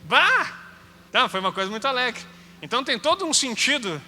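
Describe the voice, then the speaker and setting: Male preacher, Gaúcho accent, high ringing voice; chatty teaching sermon, light music under. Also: lively intonation, fast talker, bright, forceful tone. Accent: Gaúcho Brazilian Portuguese. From Rio Grande do Sul, Brazil. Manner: conversational, joking asides. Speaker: apostle preaching. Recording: hall reverb with faint music.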